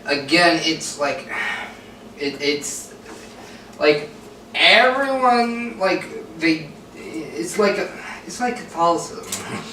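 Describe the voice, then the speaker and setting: Sarcastic young man, lively pitch. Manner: sarcastic, interjecting. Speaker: podcast co-host. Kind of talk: casual chat. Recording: echoey room, far mic, clear noise.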